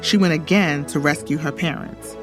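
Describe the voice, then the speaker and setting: A woman with a deep voice narrates a scripted children's story at a moderate pace, with background music running under her voice.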